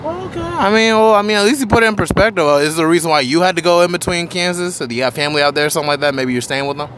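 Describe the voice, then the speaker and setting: Fast-talking chatty podcast host man. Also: high voice, crowd noise. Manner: chatty, rambling, swears casually. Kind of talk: casual interview chat.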